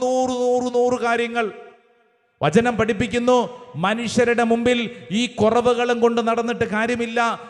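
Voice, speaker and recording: A priest with a high-set voice delivers a sermon, calling out verses one phrase at a time for the listeners to repeat. His words ring out with a long reverb, as if spoken in a large church hall. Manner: cites verses with English chapter numbers. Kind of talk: sermon with call-and-response.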